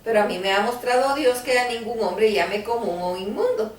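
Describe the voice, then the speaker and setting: A woman's voice: a little high, expressive, moderate pace, distant mic, natural voice. Humble apostle guy, earnest, a lady reading him out, echoey room. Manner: earnest, plainly read. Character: devout apostle, grown man, humble. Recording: roomy, voice a bit off-mic.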